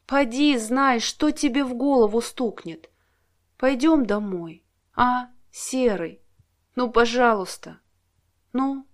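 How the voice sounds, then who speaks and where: Clingy young woman, voiced by a woman, tearful, pleading, slow-paced audiobook. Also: on the high side. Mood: coaxing. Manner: pleading, emotional, raised voice.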